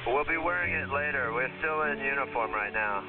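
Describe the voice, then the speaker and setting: A man's voice: mid-range voice, measured pace. A man, an airline captain with a German accent, speaking over the aircraft radio with clipped readbacks and hesitant fillers. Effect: pilot speaking over the aircraft radio. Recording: narrow, tinny radio transmission with music under it.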